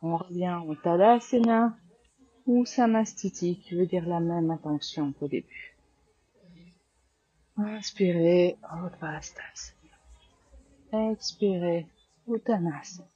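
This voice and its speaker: A woman with a French accent guiding a yoga class, giving calm, slow cues with breath counts. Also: on the low side, breathy edge, no echo, dull audio. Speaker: yoga teacher. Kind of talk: guided yoga class instruction.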